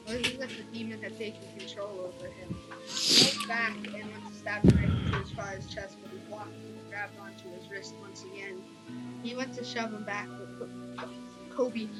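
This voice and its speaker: With background music playing, a young creepypasta reader reads a horror story aloud in a casual way, and her medium-pitched voice comes through a low-quality recording. She stumbles frequently and restarts lines.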